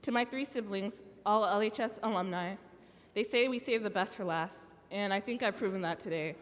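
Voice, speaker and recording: A young woman in her late teens delivers a graduation speech into a podium microphone. She keeps it playful, with joking asides, at a middle pitch. Her voice carries a long echo through a huge arena. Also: normal speed, slight background noise. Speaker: graduation speaker. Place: large arena.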